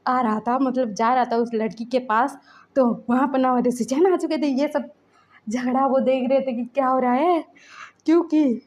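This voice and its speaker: A woman narrating a fan story in a relaxed, conversational way, as if telling a friend. Her voice is high but warm and mellow. She wanders with little fillers between the events. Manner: chatty, loose fillers. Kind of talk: casual fan-fiction storytelling.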